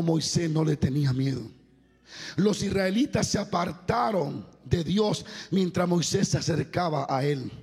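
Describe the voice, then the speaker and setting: A man with a high, slightly husky voice delivers an impassioned sermon and swells into loud exclamations. His voice rings through a large hall with a long reverb, over faint music. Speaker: preacher.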